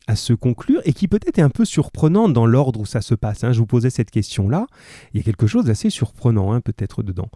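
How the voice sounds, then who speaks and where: A male teacher who reads a literary passage slowly and evenly, then talks to his pupils in a lively, encouraging way. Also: medium pitch, dry recording, clean studio sound. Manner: slow, measured reading; lively and encouraging with pupils. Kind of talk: literary reading and radio class.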